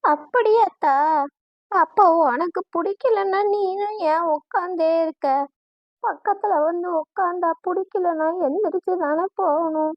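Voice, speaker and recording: Woman doing a slow-drawling village granny. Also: very high voice, dry recording. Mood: teasing. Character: kindly nosy village grandmother, elderly. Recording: dull lo-fi dry sound.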